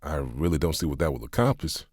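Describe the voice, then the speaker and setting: A man's voice: extremely low pitch, very animated, fast, a little mellow, slightly rough, no room sound, studio quality, full character voice. A man voicing a grieving, defiant middle-aged man who speaks with bitter, half-hearted sarcasm.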